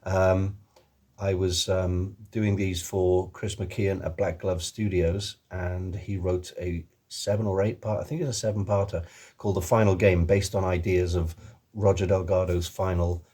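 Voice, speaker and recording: Deep, mellow and a little husky, this middle-aged man's level voice carries a mix of English and Welsh in its accent. The author, illustrator and voice actor talks loosely about his projects in a casual video to camera, filling pauses with ums and restarts.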